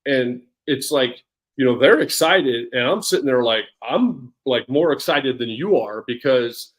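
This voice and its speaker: A man's voice: medium pitch, animated, a little slow. A man in his forties, a personal development coach, talking in a casual interview with energy and frequent restarts and repeated words. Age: 40s. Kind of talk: casual podcast interview chat.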